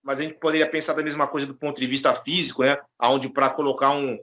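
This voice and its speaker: A man's voice: mid-range voice, level tone, quick pace, sharp tone. A man with a Brazilian Portuguese accent teaching an online electronics class, explaining patiently and checking in often with the students. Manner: explanatory, many "tá?" and "né?" tags.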